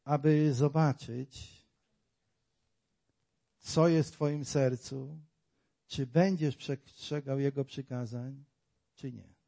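A man preaching a sermon to a congregation, asking them questions and swinging between loud, emphatic lines and quiet asides. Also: medium pitch, fairly even intonation, takes it slowly, gravelly, long pauses. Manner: talks directly to the congregation with rhetorical questions.

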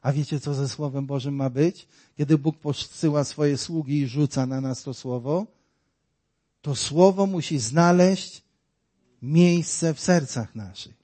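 A man's voice: fairly high pitch, a little slow, warm tone. A man preaching a sermon, dramatic and full of rhetorical questions, acting out the voices in his story.

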